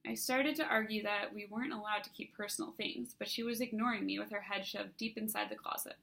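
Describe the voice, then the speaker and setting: A woman, the author, narrating her own young adult fantasy novel in the first person with an even storytelling delivery. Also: medium pitch, fairly quick, vocal fry.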